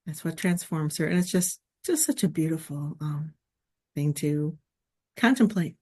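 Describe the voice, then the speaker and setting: A woman's voice: low voice, lively intonation, unhurried, a little mellow, husky. A woman reflecting aloud in a faith discussion group, musing and hesitant.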